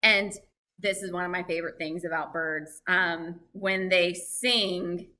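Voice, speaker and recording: A woman presenting a live, lively lesson for families, chatting and asking her audience questions. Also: fairly low pitch, unhurried. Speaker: library program presenter on birds.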